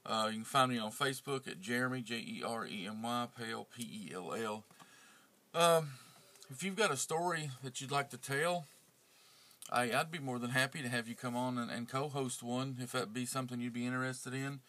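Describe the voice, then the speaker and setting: A man's voice: mid-range voice, moderate pace, bright, forceful tone. A man hosting a true crime podcast, talking casually and rambling with many fillers and restarts. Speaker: podcast host. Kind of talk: casual podcast outro chat.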